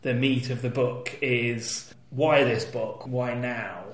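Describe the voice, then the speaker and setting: This host talks slowly in a mid-range, fairly even voice, keeping things informal, chatty and dry-humored. It's a conversational podcast interview with an ad read mixed in.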